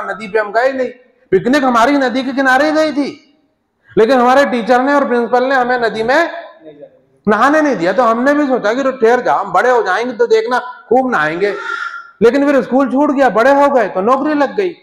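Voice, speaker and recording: A naive retired man in his seventies, as a speaker acts him out, who rambles through plaintive excuses before God. His voice is raised and high, and it echoes in a hall with a long reverb. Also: a little fast. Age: 70s.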